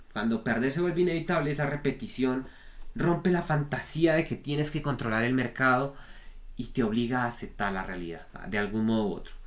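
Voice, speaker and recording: A man giving a frank, repetitive spoken lesson on trader psychology, often checking in with the listener. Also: mid-range voice. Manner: frank, repetitive, peppers talk with "¿vale?". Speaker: trading coach.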